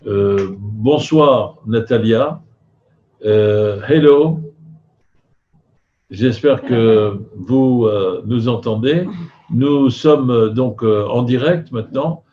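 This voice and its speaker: Halting older man, slightly slurred by loose dentures. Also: medium pitch. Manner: halting, hesitant, courteous, with frequent long filler pauses. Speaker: host of a film festival video conference. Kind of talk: live event hosting, formal welcome. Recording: dull video call audio, faint noise.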